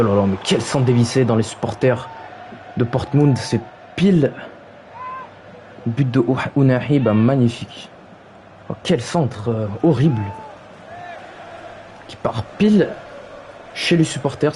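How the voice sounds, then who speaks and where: A young man streaming his football video game, giving play-by-play commentary in a low calm voice that rises to high shouted calls on goals. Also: a little hiss or hum.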